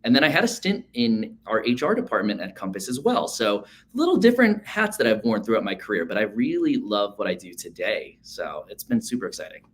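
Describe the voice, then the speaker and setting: A man's voice: fairly low pitch, very animated, brisk, few pauses. A man in his thirties, a guest speaking in a casual, upbeat way with frequent fillers over a video call. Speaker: associate sales manager, guest.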